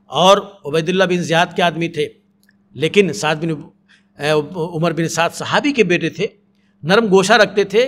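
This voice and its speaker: A preacher, a man with a notably high voice, narrates history in an earnest religious lecture. He often sinks into low, soft passages as he tells the story. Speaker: Islamic preacher.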